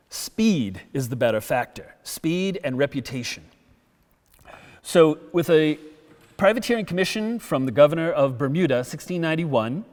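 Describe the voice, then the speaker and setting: A middle-aged man lecturing in a town hall, his voice sitting a little high for a man. He tells the history as a lively story, and the sound rings with long hall reverb. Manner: lively storytelling, acts out quotes. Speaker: guest lecturer.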